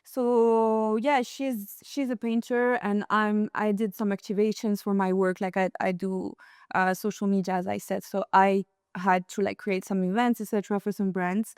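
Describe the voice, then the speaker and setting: A woman's voice: medium pitch, level tone, normal speed, a little mellow, clear, resonant tone, no room sound, studio quality. A woman in her twenties from Morocco, chatting casually as a guest, laughing often and filling with "like". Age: 20s. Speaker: guest, event co-founder. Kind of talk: casual chat.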